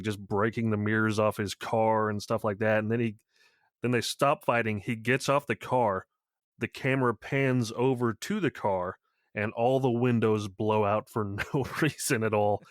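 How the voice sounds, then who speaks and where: A man's voice: fairly low pitch, no echo, studio quality. A man leaving a long, rambling voicemail for a podcast, talking casually with lots of filler sounds. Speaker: caller to a podcast.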